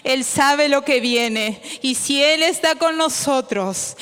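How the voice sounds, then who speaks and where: Slow, high-voiced woman preaching. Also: fairly bright tone. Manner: slow, emphatic repetition, rising into fervent prayer. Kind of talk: sermon. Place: church sanctuary. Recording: long echoey church hall reverb.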